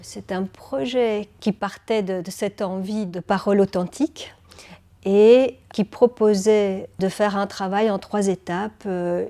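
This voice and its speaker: A woman's voice: mid-range voice, unhurried, warm tone. A middle-aged woman giving a reflective testimony, hesitant, with many fillers. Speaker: project initiator.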